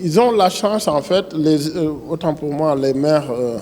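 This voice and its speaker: A director general of a planning agency speaks in an interview with a Senegalese accent, explaining things while hesitating and restarting his phrases. His voice is a little high, a little slow, and mellow, with a slight hiss or hum in the background.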